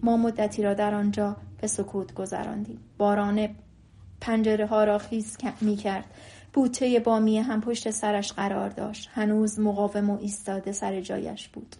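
A woman narrating an audiobook in a calm, even storytelling manner. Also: medium pitch, vocal fry. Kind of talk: audiobook reading.

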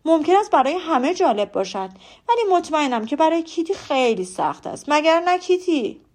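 Woman voicing a cheerful young gentleman. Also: high-pitched, very animated, pitched above the performer's own voice. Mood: playful. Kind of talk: audiobook character voice.

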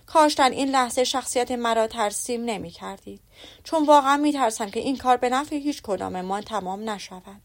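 A woman reading the lines of a proud, reserved young gentleman in a formal, restrained way. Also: fairly high pitch, lightly acted.

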